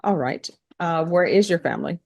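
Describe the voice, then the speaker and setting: A woman with a lowish, animated voice speaks at normal speed, showing vocal fry and a darkish tone. The studio-quality audio has no echo. She is the judge presiding over a court hearing, questioning people formally and procedurally while spelling out names.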